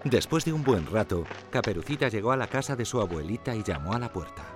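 A man narrating a fairy tale with an expressive storytelling lilt. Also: fairly low pitch, fast talker, loud music behind the voice.

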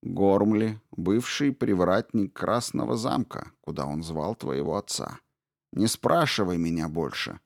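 A man's voice: low-pitched, expressive, measured pace, gravelly, dry recording, studio quality, full character voice. A man voicing a bitter old witch queen. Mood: guarded, weary. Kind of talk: audiobook character reading.

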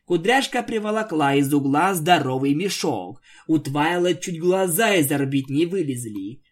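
A reader narrating an amateur fan story with expressive storytelling. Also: mid-range voice, measured pace.

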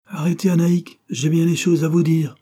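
A man's voice: mid-range voice, moderate pace, mellow, husky, close to an everyday voice. A man reading aloud, voicing a jealous, passionate young man who pleads insistently. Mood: pleading.

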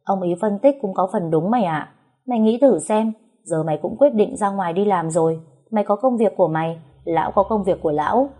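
Woman as blunt best friend in a storybook, scolding, warm timbre. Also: mid-range voice, a little fast, close to an everyday voice. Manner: scolding, lecturing.

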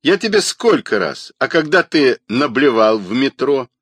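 A man's voice: medium pitch, big pitch swings, a little slow, fairly bright tone, dry recording, voice pushed up. A man reading aloud and voicing a pushy, crude drunk patient who calls at night and acts overly familiar. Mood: angry.

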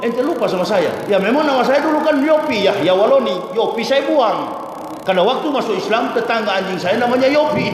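Animated man preaching in an echoey hall. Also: high-pitched. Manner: lively, joking, animated storytelling with laughs. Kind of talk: sermon storytelling. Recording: echoey hall with faint noise.

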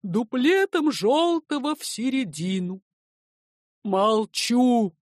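A woman's voice: on the high side, animated, slow, dry recording, studio quality, voice pushed up. A woman reading the part of a sentimental, long-winded aging nobleman, declaiming his lines. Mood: wistful. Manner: declaiming, rising to a shout.

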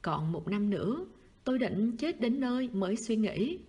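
A woman reading the lines of a laid-back, teasing teenage schoolboy in a husky voice. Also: fairly high pitch, big pitch swings, normal speed, dark tone.

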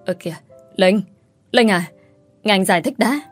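A woman's voice: mid-range voice, moderate pace, faint music behind, lightly acted. A woman voicing an angry, threatening husband in an audio story. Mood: pleading. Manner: threatening, shouting. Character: angry cheating husband, young adult man.

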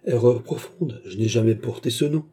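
A man voicing a cold, unflappable young nobleman posing as an Englishman, who speaks with calm, impassive denials. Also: mid-range voice, normal speed, slightly rough, natural voice.

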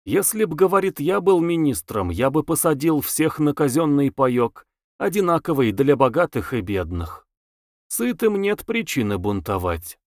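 A male audiobook reader voicing a weary young wife who speaks softly, thoughtfully and with dry irony. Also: on the high side, sing-song, normal speed, no room sound, pitched above the performer's own voice. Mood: wry. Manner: soft, thoughtful, wryly ironic. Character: weary, ironic young wife, quiet and reflective. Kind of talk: audiobook character voice.

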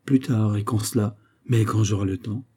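A man's voice: on the low side, fairly even intonation, normal speed, warm tone, slightly rough. A man playing a stubborn haughty old tailor. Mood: curt. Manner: curt and dismissive.

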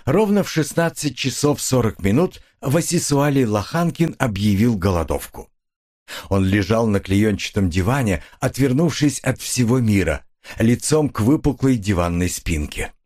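A man narrating an audiobook in an expressive, ironic storytelling manner. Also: mid-range voice, moderate pace. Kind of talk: scripted narration.

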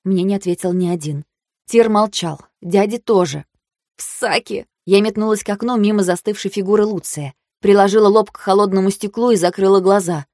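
A woman narrating a first-person fantasy story in an even, measured reading. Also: mid-range voice, no room sound, studio quality. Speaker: audiobook reader.

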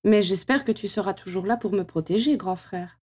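A woman voicing a fragile young woman who speaks hesitantly and haltingly in an audiobook. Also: medium pitch, dark tone, close to an everyday voice.

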